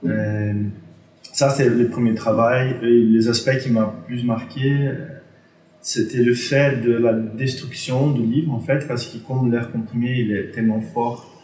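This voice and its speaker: A man's voice: mid-range voice, slight background noise. A non-native man with a foreign accent in French gives an informal presentation, hesitating, searching for words and correcting himself. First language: not a native French speaker. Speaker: artist presenting an exhibition. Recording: roomy echo, distant microphone.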